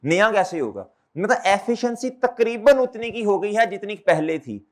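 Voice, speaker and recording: A man's voice: high-pitched, expressive, moderate pace. A man teaching an accountancy class, often repeating his questions back to the students and calling them brother and children. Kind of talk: classroom lecture.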